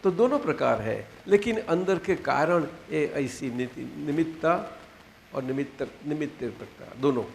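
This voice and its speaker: A man in his eighties with a Gujarati accent, giving an unhurried spiritual discourse to disciples, repeating phrases and checking that they understand. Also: on the high side, lively intonation, gravelly, slight background noise. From Gujarat, India. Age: 80s. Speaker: spiritual teacher. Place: satsang gathering hall.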